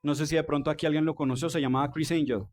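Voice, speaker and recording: A Colombian man preaches in church in a relaxed, talky way. His voice sits a little high for a man. He keeps turning questions back to the congregation. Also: rapid-fire. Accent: Colombian Spanish. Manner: conversational, asks the congregation questions. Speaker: pastor. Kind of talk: sermon.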